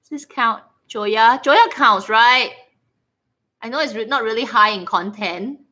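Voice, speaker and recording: A woman's voice: on the high side, measured pace. A woman with a Singaporean accent hosting a casual livestream, playful and rambling as she chats to viewers. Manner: animated, playful, rambling, reacting aloud to viewers' comments. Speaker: livestream host. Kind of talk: casual livestream chit-chat. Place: living room, indoors.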